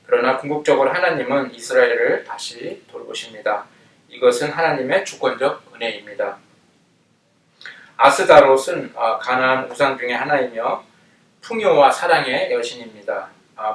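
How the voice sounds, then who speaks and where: Bible study teacher in an echoey room. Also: male voice, mid-range voice. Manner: explanatory, with frequent fillers and hesitations. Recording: roomy, distant mic.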